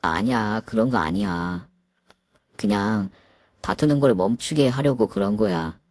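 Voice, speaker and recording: A woman voicing a timid, soft-spoken husband who pleads meekly and hesitates. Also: extremely low pitch, a little slow, no room sound, studio quality, pitched below the performer's own voice. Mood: pleading.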